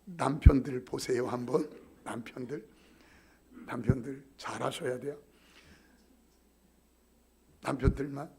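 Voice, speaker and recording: A man's voice: mid-range voice, unhurried, gravelly, long pauses, slight background noise. A middle-aged male pastor preaching a sermon. He jokes with the congregation and at times drops to a whisper. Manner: animated, joking with the congregation, then dropping to whispers.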